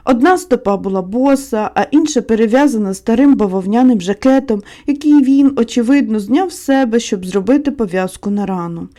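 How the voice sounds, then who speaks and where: A woman narrating a classic novel as an audiobook in a calm, measured storytelling voice. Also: fairly high pitch.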